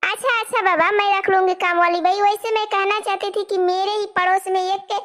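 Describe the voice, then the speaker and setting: A woman voicing a bossy, scolding mother-in-law in a cartoon, with a very high voice. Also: steady tone, fairly quick, a bit bright. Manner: nagging, lecturing. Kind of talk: cartoon voice acting.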